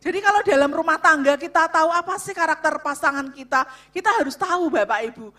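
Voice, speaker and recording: A woman speaking to a church congregation about marriage, loud and emphatic, often turning to address the audience. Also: high-pitched, fast talker. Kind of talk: sermon-style talk to a congregation.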